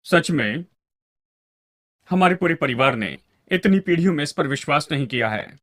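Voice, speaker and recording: A man's voice: a little high, expressive, normal speed, fairly bright tone, no echo, studio quality. A man preaching a sermon to a congregation and calling for amens along the way.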